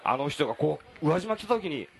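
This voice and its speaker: A man's voice: on the high side, very animated, quick pace, creaky. A man with a Kansai accent co-hosting a casual podcast in an izakaya, joking and rambling in an exaggerated way. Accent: Kansai dialect. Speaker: podcast co-host. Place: busy izakaya.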